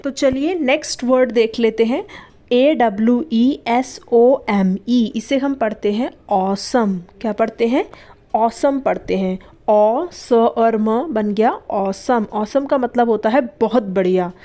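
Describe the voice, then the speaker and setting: A young woman teaching a beginner English lesson, spelling each word out slowly and answering her own questions. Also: on the high side, mellow. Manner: patient, spells words letter by letter, asks and answers own questions. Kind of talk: spoken language lesson.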